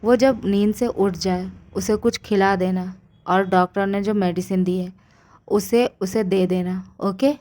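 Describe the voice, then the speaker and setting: A woman's voice: medium pitch, fairly even intonation, unhurried, warm tone, lightly acted. A woman voicing a cold, controlling young man who gives curt orders.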